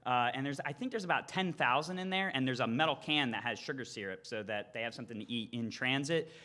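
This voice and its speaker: Bright-voiced man explaining casually, with hesitations. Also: mid-range voice, fast. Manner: hesitant, filler-heavy explaining. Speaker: conference speaker.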